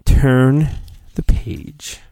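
A podcast host gives a theatrical, mock-dramatic storybook reading, often breaking off for irreverent, crude asides. His medium-pitched voice is gravelly and dark and extremely slow, with no echo.

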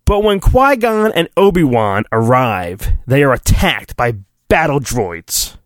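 A middle-aged man with a mid-range, sing-song voice takes it slowly on his solo podcast, recorded without echo. Between casual rambling, he reads a storybook with mock drama, keeping a joking, self-deprecating tone.

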